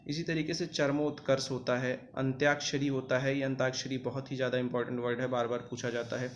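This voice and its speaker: A man's voice: medium pitch, flat delivery, fairly quick, slight background noise. A man with a North Indian Hindi accent teaching an online exam-prep spelling lesson, repeating each word and reminding students to remember it.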